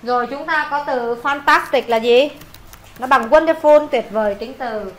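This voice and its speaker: Her voice is high and her pace moderate as this Vietnamese teacher leads an English lesson in the classroom, reading passages aloud, giving translations and having students repeat vocabulary.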